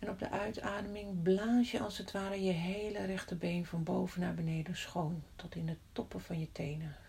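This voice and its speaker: A woman guiding a body-scan meditation in a soft, often whispered voice, slow and calm with long pauses. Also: lowish voice, gravelly. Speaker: meditation guide.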